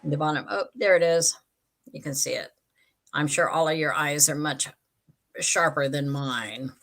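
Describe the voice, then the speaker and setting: Lady chatting thru a live sale, kinda low voice, rambles and fixes her own slips. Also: measured pace, fairly bright tone. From western United States. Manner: chatty, rambling, self-correcting. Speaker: online live sale host. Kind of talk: casual live-stream selling chat.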